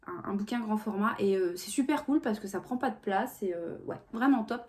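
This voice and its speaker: A woman's voice: medium pitch, a little fast. A woman talking casually in a vlog, chatty and rambling, with many fillers and restarts. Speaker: vlogger.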